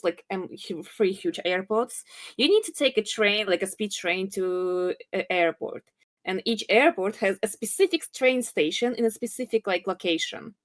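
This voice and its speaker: A young woman speaks with a Russian accent at an ordinary, middling pitch. She tells her story in a casual, blunt, conversational way, as a guest chatting on a call-in. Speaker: viewer telling a story on a call-in show.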